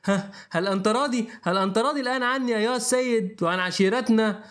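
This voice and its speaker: A man's voice: high voice, fast talker, fairly bright tone, clear, resonant tone. A man voicing a frightened old male clan ancestor who stammers as he pleads, then turns brutal. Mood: nervous. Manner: anxious and stammering.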